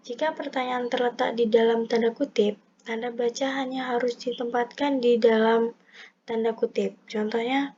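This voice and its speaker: A woman's voice: on the high side, fairly even intonation, normal speed, a little mellow, slightly rough. A young woman reading a scripted lesson aloud, setting out each point one by one in a methodical way. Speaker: presenter explaining punctuation. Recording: dull lo-fi recording.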